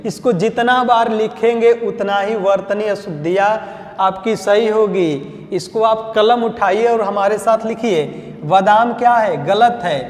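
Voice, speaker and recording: High-voiced Hindi-accented teacher in an echoey hall. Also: male voice. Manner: drills words by slow repetition and quizzing. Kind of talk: spelling lesson at a whiteboard. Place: coaching classroom.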